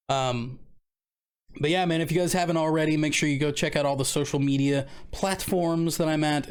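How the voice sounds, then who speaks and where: A man's voice: on the high side, clear, resonant tone. A man in his thirties hosting a casual live stream, talking in a rambling, laid-back way with many fillers and restarts. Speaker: streamer host.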